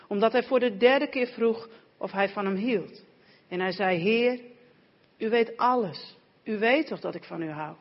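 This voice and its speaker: A woman interpreting a sermon and then reading scripture aloud in a church. Her voice carries a long hall reverb. The recording sounds dull and lo-fi. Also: medium pitch.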